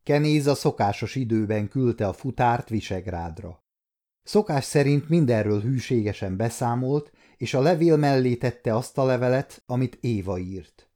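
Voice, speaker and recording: A man in his fifties narrating an audiobook in a steady storytelling manner. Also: medium pitch. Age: 50s. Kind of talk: scripted narration.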